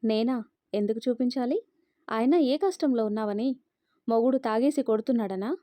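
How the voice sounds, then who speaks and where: A woman's voice: on the high side, normal speed, dark tone, no room sound, natural voice. A woman voicing a stern middle-aged mother who harshly lectures her grown daughter. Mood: scolding.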